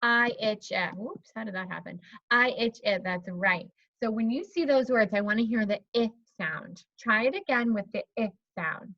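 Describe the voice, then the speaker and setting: A woman teacher demonstrating a phonics lesson to an imagined student, encouraging and modeling words slowly. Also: on the high side, no room sound. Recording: slightly dull, dry recording.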